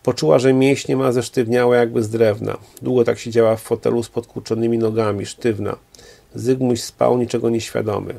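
Man narrating a novel aloud; steady delivery with a gravelly texture. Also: medium pitch, brisk. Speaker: reader.

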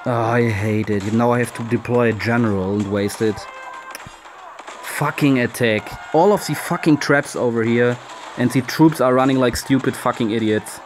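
A young man with a German accent narrates his own strategy game in a casual, exasperated way, swearing often and speaking straight to his viewers. His voice sits at a middle pitch, and faint music plays underneath. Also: moderate pace. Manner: frustrated, swearing, talks to viewers. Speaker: game commentator. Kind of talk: casual gameplay commentary.

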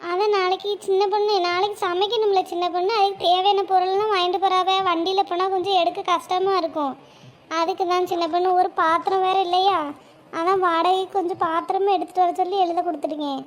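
A woman voicing a sad, tender young wife in a cartoon, talking softly and pleadingly. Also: very high-pitched, level tone, fast. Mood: explaining. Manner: soft, pleading, sighing.

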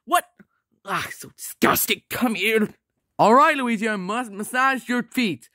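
A man doing Mario, shrill and scolding. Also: measured pace, no room sound, clean studio sound, exaggerated voice. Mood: scolding, disgusted. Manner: loud, scolding, easily disgusted. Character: bossy, squeamish adult male plumber plush. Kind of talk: plush toy skit.

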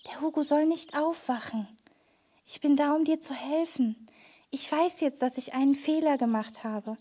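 A woman puppeteer voicing a kind, slightly timid young girl in a children's puppet show, who speaks gently and earnestly to the children. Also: high-pitched, normal speed, lightly acted. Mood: apologetic.

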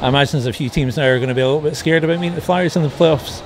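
Brisk male sports interviewer. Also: fairly high pitch, over music. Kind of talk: post-match interview questions.

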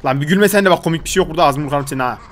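A gaming video host delivers gameplay commentary in a slightly high, fairly bright voice at a racing pace. He sounds chatty and exasperated and keeps scolding the character on screen.

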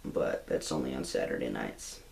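Very deep, creaky and deliberately exaggerated, this young man's voice comes at normal speed with slight background noise. He plays a gloomy young jailbird in a mockumentary comedy, resignedly rambling and restarting, recorded on camera in a small bedroom.

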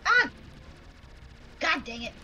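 A woman chatting casually while playing a game, her voice breaking up and cutting out over an internet voice call, giggly and quick to exclaim. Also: sits high, very animated, bright, forceful tone, highs cut off, faint music behind. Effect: voice chat breaking up, cutting out. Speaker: co-player on a let's play. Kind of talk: casual gaming chat.

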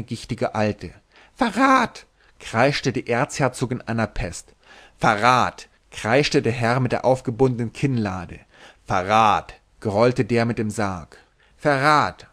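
A man narrating a classic horror tale as an audiobook reader, in a measured, storytelling way. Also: mid-range voice, darkish tone. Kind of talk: scripted narration.

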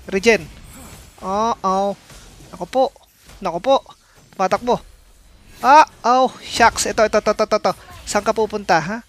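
A man streaming live gameplay, excitable and commenting as he plays, with sudden exclamations and playful taunts at his opponents. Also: high voice, fairly quick, pauses often. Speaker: game streamer.

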